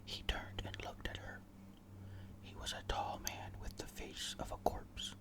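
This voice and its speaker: Never going beyond a whisper, a storyteller reads a scripted ghost story for close listening in ASMR fashion. The whisper is fully unvoiced, and the delivery stays hushed, deliberate and suspenseful.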